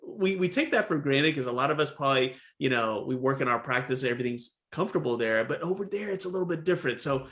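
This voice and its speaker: Speaking fast with few pauses, this medium-pitched man is a dentist from Texas hosting a dental podcast via video call. The casual interview chat is animated, peppered with "again" and "right?".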